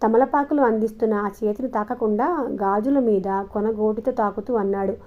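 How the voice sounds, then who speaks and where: A woman narrating an audio novel in a calm, even storytelling manner, in a dull lo-fi recording. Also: on the high side, moderate pace. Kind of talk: scripted narration.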